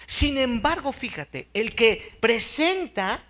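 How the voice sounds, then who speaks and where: A woman preaching a sermon, fervently swinging from hushed tones to loud exclamations and asking her congregation questions. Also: on the high side, expressive, slow pace.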